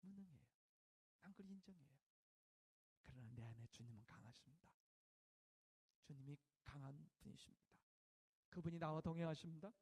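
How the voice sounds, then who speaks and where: A man's voice: a little high, a little fast, long pauses, darkish tone, breathy edge, big-room sound. A middle-aged male pastor preaching a sermon, asking the congregation questions and acting out prayers with a raised voice. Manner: asks the congregation questions and has them repeat after him.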